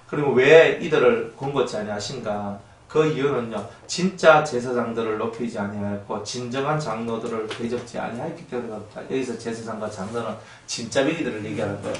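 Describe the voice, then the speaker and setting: A male pastor preaches an animated sermon, acting out people's voices and getting louder for emphasis. His voice sits in the mid range, and the distant mic picks up a roomy sound.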